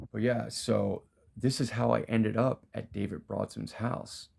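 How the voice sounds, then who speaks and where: A man's voice: lowish voice, creaky, breathy edge. A man in an agitated, profane, repetitive rant to camera as a vlogger. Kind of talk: ranting monologue to camera.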